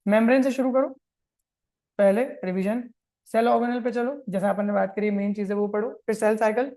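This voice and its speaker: A male teacher giving a casual exam-prep lecture, brisk and direct, talking straight to his students and mixing English terms into his speech. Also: high voice, steady tone, a little mellow. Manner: talks straight to students, reassuring.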